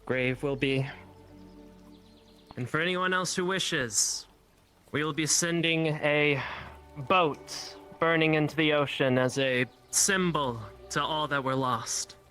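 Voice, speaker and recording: A man's voice: fairly high pitch, sharp tone. A man playing an earnest guard leader who gives a formal, resolute memorial address in an online role-play. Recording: music behind the voice.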